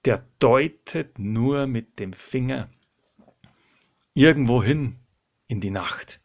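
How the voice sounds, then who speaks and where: A man's voice: mid-range voice, takes it slowly. A man telling a Bible story dramatically, exclaiming and sometimes dropping to a whisper.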